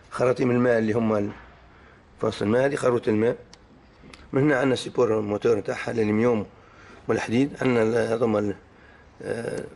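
A man's voice: medium pitch, darkish tone. A man with a Tunisian Arabic accent, a car mechanic pointing out engine parts one by one and often hesitating over words. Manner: listing parts with frequent hesitations. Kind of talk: explaining engine parts on camera. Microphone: phone camera held close to the engine.

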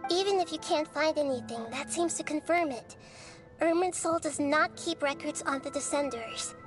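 A small childlike goddess from a video game, acted by a woman. Her voice is very high, and she speaks with gentle, thoughtful composure. Music is clearly heard behind her. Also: moderate pace, close to an everyday voice. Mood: calm, thoughtful. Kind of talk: video game dialogue acting.

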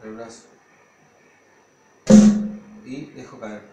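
A man's voice: medium pitch, fairly even intonation, very slow, loud music behind the voice. A man teaching drum technique, explaining step by step and counting beats aloud. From Argentina. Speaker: percussion teacher. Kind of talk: hands-on drum technique lesson. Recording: echoey room with loud drumming.

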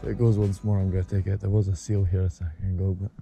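A man's voice: deep voice, little pitch movement, fast talker, creaky, dark tone, faint music behind. A man talking to himself and his friend while fishing on a rocky shore, urging the fish on and swearing now and then, heard through a head-mounted camera. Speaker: angler and channel host. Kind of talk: live fishing commentary. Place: rocky sea shore outdoors at night and dawn. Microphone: head-mounted action camera.

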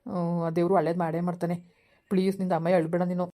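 A man's voice: sits high, little pitch movement, fast talker, warm tone, natural voice. A man, acting a caring, apologetic young husband who soothes his wife in a village skit. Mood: comforting. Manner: soothing, reassuring.

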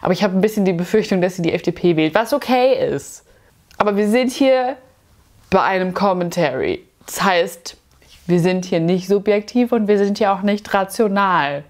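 A woman's voice: medium pitch, animated, moderate pace, darkish tone. Chatty, opinionated woman reacting to a show. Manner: chatty, opinionated, sarcastic asides. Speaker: YouTube commentator. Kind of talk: casual reaction commentary. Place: small dim room with lamps, indoors.

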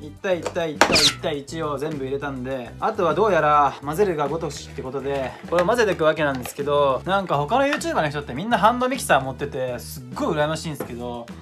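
A young man, chatting excitably and casually while cooking at home for his vlog. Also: on the high side. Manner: excitable, chatty, exclaims often. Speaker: vlogger. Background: background music.

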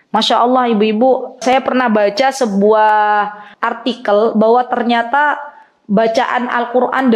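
Woman giving a chatty religious lecture. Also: on the high side. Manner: chatty, addresses listeners directly, recites Arabic phrases. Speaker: religious teacher. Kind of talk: Islamic study lecture to women.

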